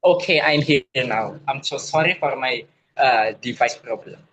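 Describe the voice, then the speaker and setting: A man's voice: medium pitch, normal speed, fairly bright tone, rough recording. A young man, playing a hesitant, apologetic interviewer who uses many fillers. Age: young adult. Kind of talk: scripted job interview role-play.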